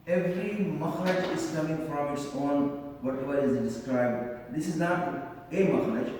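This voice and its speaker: A man teaching a classroom lesson, slowly repeating and drilling terms with his students. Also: on the high side, darkish tone. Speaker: tajweed teacher. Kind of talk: classroom lecture. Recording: echoey hall, mic far off, faint noise.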